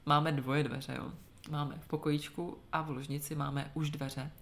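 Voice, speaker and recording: A woman's voice: deep voice, flat delivery, a crowd in the background. A woman in her thirties with a Czech accent, co-hosting a podcast in casual chat, telling stories with frequent laughs and casual swearing. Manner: chatty storyteller, laughs often, swears casually. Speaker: podcast co-host.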